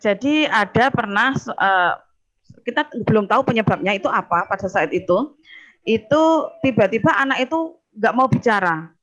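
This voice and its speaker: A woman speaks on a webinar panel about her school. She talks haltingly and fills her pauses often. Her audio comes through dull and lo-fi. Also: mid-range voice, expressive, fairly bright tone. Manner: halting, with many fillers. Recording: dull lo-fi sound.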